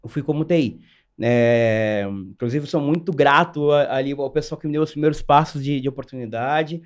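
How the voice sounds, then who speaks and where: A man in his forties from São Paulo, telling his career story as a guest in an animated, brisk way. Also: fairly high pitch. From São Paulo, Brazil. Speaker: guest, cybersecurity executive. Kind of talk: casual interview storytelling.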